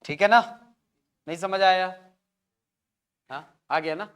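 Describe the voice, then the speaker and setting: High-voiced Hindi teacher drilling a class. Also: male voice, slow pace, a bit bright, clean tone. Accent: Chhattisgarhi Hindi. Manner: drills syllables aloud, often checks if students follow. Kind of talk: classroom lecture. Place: classroom with board.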